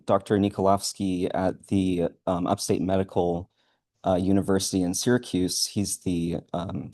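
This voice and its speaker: Low, mellow man presenting to an audience. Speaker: student presenter. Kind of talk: live thesis presentation in front of an audience. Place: room with a live audience.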